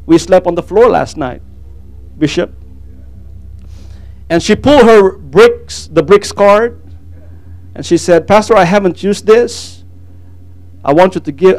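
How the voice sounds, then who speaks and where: A middle-aged Filipino pastor, a native Tagalog speaker from the Philippines, preaches a sermon and shares his testimony. His voice is high with a darkish tone, and he speaks earnestly, sprinkling in frequent amens and praise Gods.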